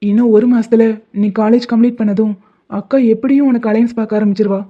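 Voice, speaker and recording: Protective young man, gentle and teasing, voiced by a woman, for a cartoon, tinny phone-like sound. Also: fairly high pitch, fairly even intonation, fast, natural voice. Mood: earnest. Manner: gentle coaxing teasing delivery. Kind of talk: animated story voice acting.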